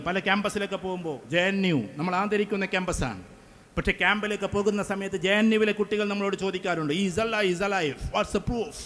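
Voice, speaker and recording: Emphatic man lecturing students, high voice. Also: a bit bright. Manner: emphatic, with repeated phrases. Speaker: motivational speaker. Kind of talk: speech to students. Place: school event hall.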